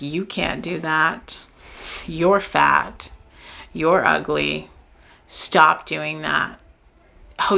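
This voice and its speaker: A woman's voice: sits low, gravelly, pushed and bright. A woman hosting a podcast, talking earnestly and directly to the listener in a motivational, coaching way. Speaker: podcast host.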